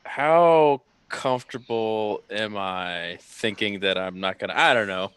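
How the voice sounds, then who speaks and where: A man with a bright, smooth voice plays a tabletop game, goofing around and muttering to himself. He talks casually with the other players, hesitating over risky choices. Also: on the low side, measured pace, no room sound. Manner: goofy, hums and mutters to himself.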